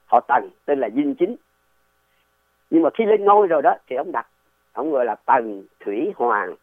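A man's voice: mid-range voice, very animated, normal speed, no room sound. A man, a guest explaining history in a casual, digressive way and often asking rhetorical questions. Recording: tinny dry phone line.

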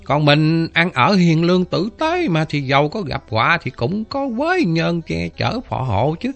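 A man's voice: a little high, very animated, a little slow, gravelly, a bit bright, faint music behind, exaggerated voice. A man voicing a pious, fretful elderly mother who lectures and pleads, repeating her words. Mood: pleading.

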